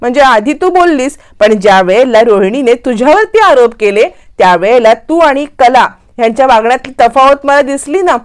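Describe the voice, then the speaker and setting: A woman's voice: high voice, expressive, fairly quick, few pauses, clear, resonant tone. A woman voicing a stern elderly family patriarch in a retold serial scene, talking in a firm, lecturing way. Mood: scolding.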